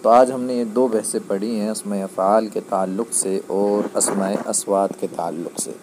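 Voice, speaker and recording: A man's voice: on the low side, steady tone, noisy background. A man teaching a grammar lesson, explaining patiently and checking that his students understand. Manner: patient, repeats key points, checks understanding.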